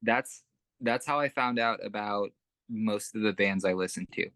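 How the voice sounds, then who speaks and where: A young man with a very low voice, bright and forceful on top, talks loosely about his band. He rambles, restarts and fills gaps as he goes. The sound is close and dry. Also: moderate pace, no room sound. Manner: rambling, many fillers and restarts. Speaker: band musician, interview guest. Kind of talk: casual interview chat.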